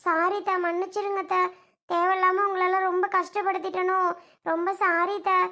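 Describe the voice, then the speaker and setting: A woman's voice: very high voice, flat delivery, a little fast, pushed and bright. A woman playing a young daughter-in-law who apologizes and begs forgiveness. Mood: remorseful. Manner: apologetic, pleading.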